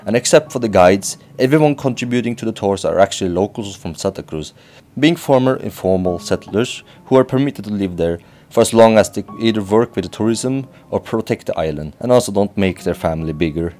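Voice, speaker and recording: A man's voice: on the low side, lively intonation, a little fast, darkish tone. A man narrating his travel vlog with frank advice, speaking while he has a slight cold. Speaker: travel vlogger.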